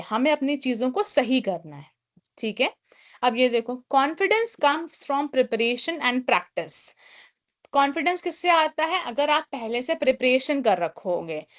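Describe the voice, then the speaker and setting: A young woman teaching a live online class, explaining step by step, reading English lines slowly and then restating them, often pausing on a filler phrase. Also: fairly high pitch. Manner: frequent filler "kya kehte hain".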